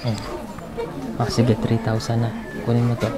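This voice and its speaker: A woman's voice: extremely low pitch, completely flat delivery, moderate pace, over a noisy crowd. A woman from the Philippines vlogging as she hands out aid, talking in a coaxing, motherly way and laughing easily. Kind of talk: casual on-camera chat.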